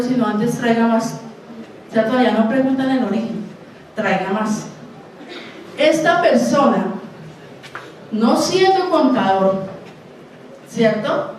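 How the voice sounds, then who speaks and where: A woman with a Colombian accent lectures at an unhurried, deliberate pace in a slightly high voice, checking in with her listeners after nearly every point. She is picked up from a distance in a hall with heavy echo. Faint noise sits behind her. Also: a little mellow. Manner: questions the audience constantly, slow and deliberate. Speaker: conference lecturer. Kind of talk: university lecture. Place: university auditorium. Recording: echoey hall, voice from far off.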